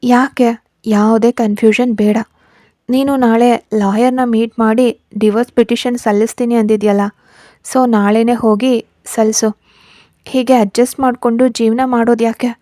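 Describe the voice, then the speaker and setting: A woman's voice: fairly high pitch, flat delivery, moderate pace, warm tone, no room sound, clean studio sound, lightly acted. A woman reading a coaxing, scheming young woman. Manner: coaxing, self-satisfied.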